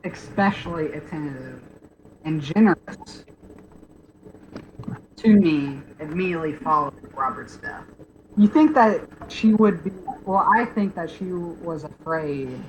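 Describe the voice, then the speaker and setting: A player speaking in character during a murder mystery game, in a measured way. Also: mid-range voice, lively intonation, slight background noise, low-quality recording.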